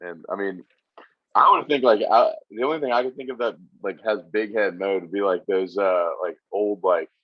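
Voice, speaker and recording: A man's voice: lowish voice, moderate pace, dry recording, dull audio. A man co-hosting a casual interview, rambling and enthusiastic with lots of fillers. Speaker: podcast co-host.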